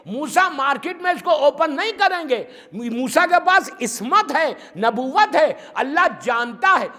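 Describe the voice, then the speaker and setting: High-voiced, dramatic male preacher. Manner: dramatic storytelling, swings from hushed to shouting. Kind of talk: sermon. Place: religious gathering hall in Madagascar. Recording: long hall reverb.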